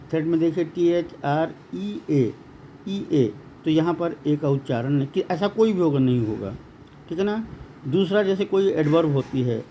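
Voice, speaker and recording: A man teaching an English grammar lesson, speaking slowly and deliberately and repeating words for emphasis. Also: on the high side, warm tone. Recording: dull lo-fi sound with faint room noise.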